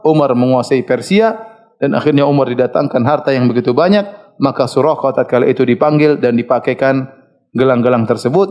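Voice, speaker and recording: A man giving an Islamic study lecture. He tells the story in a lively way, chuckling often and stopping to search for words. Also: mid-range voice. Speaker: Islamic preacher.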